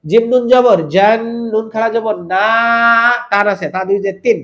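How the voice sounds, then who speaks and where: A man teaching Quran recitation rules, spelling out each letter and vowel mark and then drawing the words out slowly in a chanted style, asking the listener to repeat. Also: sits high, fairly even intonation, dull audio. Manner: asks the listener to repeat after him. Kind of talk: step-by-step tajweed lesson.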